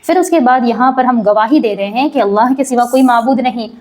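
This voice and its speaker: A woman teaching how to recite a prayer, drawing out slow chanted phrases and then explaining briskly, often asking a question and answering it herself. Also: fairly high pitch, a little mellow. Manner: asks and answers her own questions. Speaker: religious teacher.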